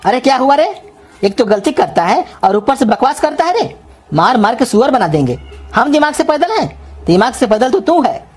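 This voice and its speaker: A woman voicing a bald, self-important male street food vendor who scolds and threatens loudly in a comedy cartoon. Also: sits high, sing-song, normal speed. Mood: angry. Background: music.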